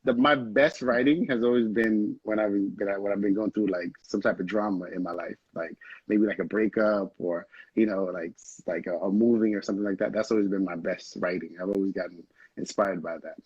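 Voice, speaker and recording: This young adult director from Haiti talks fairly quickly in a lowish voice with a breathy edge and fairly even intonation, rambling and laughing often in a casual interview. The video call recording is dry, dull, and lo-fi.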